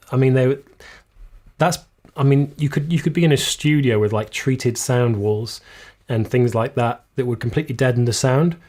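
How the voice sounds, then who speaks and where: Slightly losing his voice, a man with a darkish tone hosts a live videography Q&A, talking through gear in a relaxed, explanatory way and reading out comments from viewers. The sound comes from a boom shotgun mic just out of frame in a small room.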